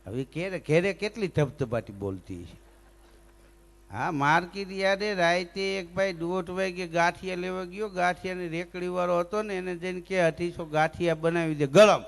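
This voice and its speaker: A man spins comic folk tales in a high, gravelly voice. He slips into stammering and sung impressions of his characters. The sound carries a long hall reverb. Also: moderate pace. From Gujarat, India. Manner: animated, mimics characters with stammers and singing. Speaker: folk storyteller and humorist.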